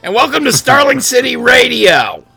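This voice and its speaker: A man's voice: very high voice, sing-song, normal speed, gravelly, pushed and bright, pitched above the performer's own voice, exaggerated voice. A man voicing a mock radio show host, with a bad put-on Scottish accent and a raised voice. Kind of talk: jokey parody of a radio show intro.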